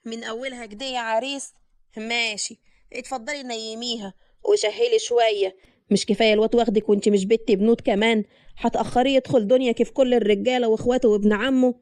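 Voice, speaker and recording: A meddling mother-in-law, as a woman narrator puts her on, needling in a quick, mellow voice with an Upper Egyptian accent. The recording is dry and close. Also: on the high side, fairly even intonation, no echo, natural voice. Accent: Upper Egyptian Arabic. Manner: mocking, needling.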